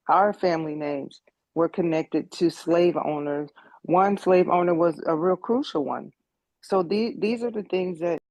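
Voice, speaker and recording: A woman's voice: on the low side, darkish tone, no room sound, low-quality recording. A woman in her sixties from the United States, giving earnest personal testimony in an online meeting and repeating words as she thinks. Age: 60s. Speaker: meeting participant.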